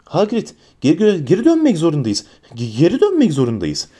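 A man voicing a desperate teenage boy wizard, shouting in panic. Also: fairly high pitch, huge pitch swings, a little fast. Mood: pleading.

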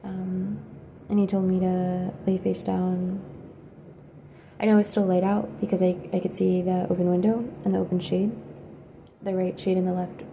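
A woman quietly telling a personal story in a hesitant, halting way, pausing often. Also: fairly low pitch, little pitch movement, gravelly, slight background noise. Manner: hesitant and halting, with many pauses and fillers; quiet, subdued recounting. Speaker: video creator.

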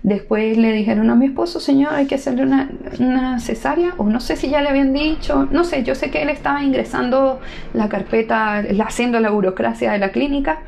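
Woman brief: relaxed storyteller, a bit high, gravelly edge, chatty and laughing. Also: brisk, a little hiss or hum. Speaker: new mother telling her birth story. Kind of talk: casual storytelling to camera.

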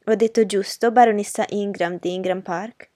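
A woman's voice: mid-range voice, steady tone, moderate pace, dark tone, no room sound, lightly acted. A woman reading aloud and voicing a proud, mocking young noblewoman who talks in a commanding, scornful way. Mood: haughty. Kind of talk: audiobook character reading.

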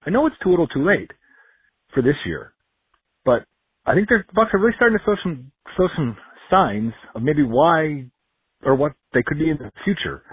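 A man leaving a voicemail with his take on his football team's defense, calm and analytical. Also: a little high, moderate pace, slightly rough, dry recording. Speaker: caller. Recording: tinny phone voicemail.

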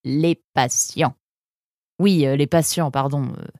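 A woman's voice: fairly low pitch, moderate pace, dry recording, natural voice. Woman doing a young male storybook creature, eager, scheming, stammering, dry close sound. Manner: stammering with many "euh", excitable.

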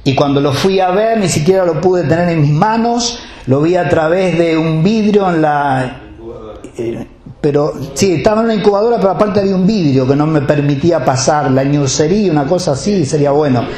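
A man's voice: a little high, fairly quick, warm tone, roomy sound. A man with a Rioplatense Spanish accent, preaching a sermon as pastor, talking conversationally and putting direct questions to his congregation.

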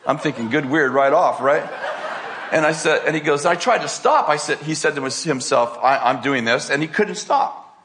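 A man's voice: fairly high pitch, moderate pace, fairly bright tone. An older man preaching, telling a story with laughter and acted-out quotes. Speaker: pastor. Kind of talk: sermon storytelling.

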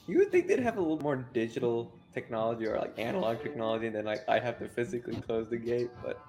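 A man's voice: mid-range voice, big pitch swings, fast talker. A man giving casual, joking commentary with reactive asides while playing a video game. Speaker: gaming show host playing a role-playing game. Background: video game music.

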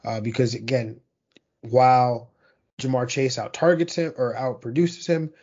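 A man hosts a fantasy football show, working through the week's receiver stats in a casual, rambling monologue. He keeps doubling back with fillers and restarts. His voice sits at an ordinary middle pitch, and the recording sounds a little dull and lo-fi. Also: normal speed, darkish tone, husky. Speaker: fantasy football podcast host. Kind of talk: casual sports analysis monologue.

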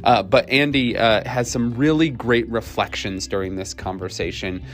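A man's voice: lowish voice, moderate pace, faint music behind. Podcast host, man, 30s, friendly and full of ums, recorded over a video call with tunnel-muffled audio. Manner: friendly, with many ums and uhs. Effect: muffled audio, as if talking through a tunnel. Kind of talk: casual faith podcast chat.

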